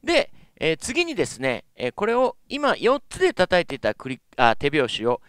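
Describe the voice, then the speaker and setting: A man's voice: high-pitched, wildly swooping pitch, moderate pace, a bit bright. A man teaching as a vocal coach, explaining politely with many filler sounds. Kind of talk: instructional lesson.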